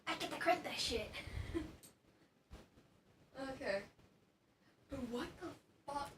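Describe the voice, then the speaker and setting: A woman's voice: sits high, lively intonation, slow. A young woman streaming live while she builds a desk, chatting to viewers, swearing and mocking herself. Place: room at home, assembling a desk. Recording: roomy, from far off the mic, noisy.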